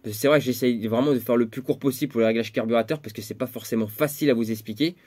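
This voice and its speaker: A man's voice: medium pitch, very fast, darkish tone. A man giving rambling, slangy how-to tips straight to the viewer. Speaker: video host. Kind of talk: casual how-to chat to camera.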